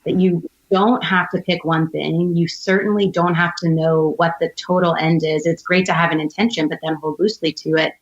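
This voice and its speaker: With a fairly low pitch and steady tone, she speaks at normal speed and barely pauses, while the highs in the audio are cut off. An entrepreneur in her thirties from outside Philadelphia in the United States, she's an interview guest on a podcast, telling personal stories articulately, reflectively and conversationally.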